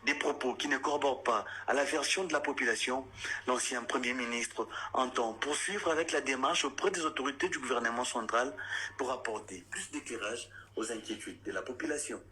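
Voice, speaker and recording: A man reading a scripted news report in a measured, formal delivery. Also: mid-range voice, sharp tone.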